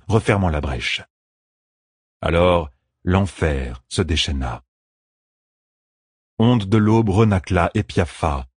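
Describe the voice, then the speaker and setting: A man narrating an audiobook with a measured, expressive reading. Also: low voice, breathy edge, no echo, clean studio sound.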